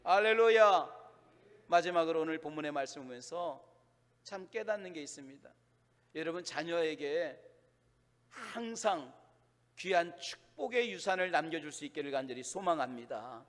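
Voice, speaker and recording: A male pastor with a Chungcheong accent preaches a storytelling sermon full of emphatic, rising declarations. His voice sits high for a man. It carries a long reverb from a church sanctuary. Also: expressive, normal speed. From Chungcheong, Korea.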